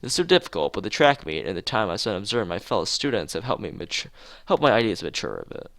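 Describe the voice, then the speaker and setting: Reading a visual novel aloud as dramatized game narration, a man sounds fairly low-pitched, sing-song, quick, and a bit bright, with no room sound. Music backs him, and he sometimes stumbles and goes back over phrases.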